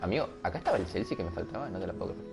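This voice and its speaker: A man's voice: deep voice, expressive, racing, creaky, over loud music. A young man with a Rioplatense accent, rambling and joking with his viewers over a headset mic. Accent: Rioplatense Spanish. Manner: rambling, joking, laughs at himself. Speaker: streamer. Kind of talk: casual gaming livestream chat. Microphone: headset microphone.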